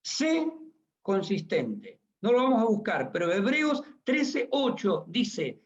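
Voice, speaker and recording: A man's voice: very high voice, sing-song, unhurried. A middle-aged man preaching a sermon as pastor, emphatic and asking the congregation questions. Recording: dull lo-fi recording.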